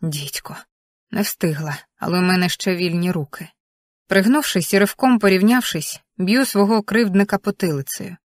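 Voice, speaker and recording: A woman's voice: on the low side, normal speed, no echo, clean studio sound. A woman reading a first-person story aloud as an audiobook narrator, in a tense, vivid present-tense manner.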